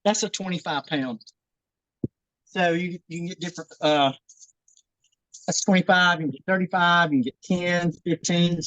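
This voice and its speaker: A woman's voice: lowish voice, moderate pace, long pauses, a bit bright, dry recording, muffled recording. A woman leading a workout on a video call, slightly out of breath, encouraging and repeating that people should keep it simple. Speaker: fitness instructor. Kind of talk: workout demonstration and advice.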